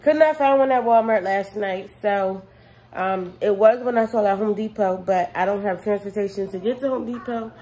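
In a rough recording, a young stay-at-home mom talks to her phone camera held at arm's length in her apartment living room, making a casual clean-with-me vlog. Her mid-range, dark-toned voice moves at normal speed as she rambles chattily, full of "um" and "like".

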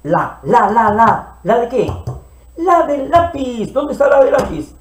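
A man teaching children to read, playfully sounding out syllables slowly and repeating them. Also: extremely high pitch, very animated, roomy sound. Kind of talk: early reading lesson for children.

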